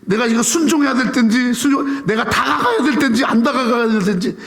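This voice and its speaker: A man in his fifties with a Korean accent, a pastor giving a Sunday sermon, animated and dramatic, at times dropping to a hushed plea. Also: very high voice, fast talker. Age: 50s. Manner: animated preaching, acting out quoted prayers, dropping to soft hushed pleas. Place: church sanctuary.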